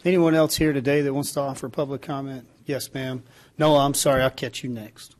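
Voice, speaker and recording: A man's voice: mid-range voice, fairly even intonation, brisk. A man chairing a city council meeting, calling speakers and answering in a formal, procedural way. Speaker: council presiding officer.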